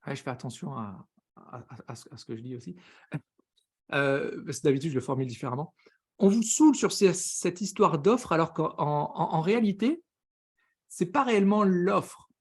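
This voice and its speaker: A man with a French accent hosting a live business coaching stream, talking very fast and excitedly, greeting viewers by name and using slang. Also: high voice, husky.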